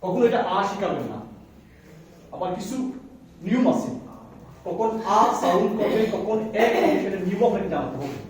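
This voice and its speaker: High-voiced man teaching in an echoey hall. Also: very animated, darkish tone, slight background noise. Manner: mixes English phrases into talk, quizzes the audience; drills pronunciation slowly, word by word. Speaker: English teacher trainer. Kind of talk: classroom workshop lecture. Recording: echoey room from far off.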